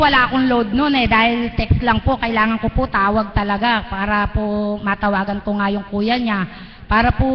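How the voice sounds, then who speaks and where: Middle-aged woman telling her testimony at church, pretty flat delivery, long hall echo, muffled lo-fi stream with faint hiss. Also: fairly high pitch. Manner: earnest and deferential, retelling events step by step. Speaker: church member giving a testimony. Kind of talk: live spoken testimony. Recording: dull lo-fi livestream audio in a reverberant hall, faint noise.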